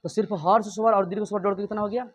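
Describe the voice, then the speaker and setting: A man's voice: sits high, steady tone, rapid-fire, no echo. A young man teaching a grammar lesson, asking the class questions and answering them himself, repeating each point.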